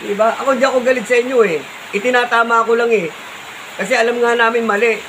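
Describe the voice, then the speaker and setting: Man, Filipino accent, high voice, insistent, repetitive vlogger, noisy waterfall behind. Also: fast. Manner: repeats himself, calm but insistent, with frequent "diba?" and "no?" tags. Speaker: vlogger answering a critic. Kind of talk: spoken reply vlog.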